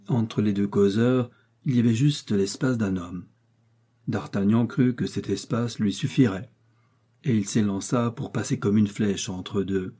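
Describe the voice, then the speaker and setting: A man narrating an audiobook of a classic novel in a measured, deliberate way. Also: on the low side, dark tone, breathy edge.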